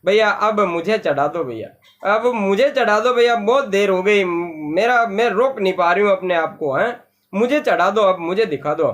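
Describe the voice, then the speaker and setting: A man's voice: sits high, animated, moderate pace. A man voicing a little girl who begs her older brother in a whiny, pleading tone. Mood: begging.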